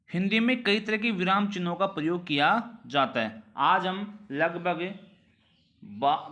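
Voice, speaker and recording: With a sharp tone, a man delivers a grammar revision lesson full of repeated phrases and rhetorical questions. His pitch goes down at the ends of his sentences.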